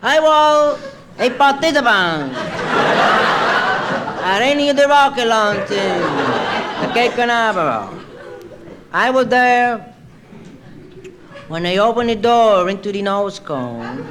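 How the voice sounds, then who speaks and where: A man plays a dim, good-natured astronaut who takes every question the wrong way and answers in a slow, unbothered deadpan. The voice sits notably high. Heavy hiss runs under the old recording. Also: heavily acted. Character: bumbling, literal-minded would-be astronaut man. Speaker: comic interviewee. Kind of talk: stand-up comedy interview sketch.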